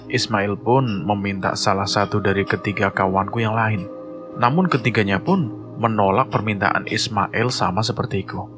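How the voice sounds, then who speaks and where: A man telling a horror story in measured, suspenseful scripted narration, with music playing behind. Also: fairly low pitch.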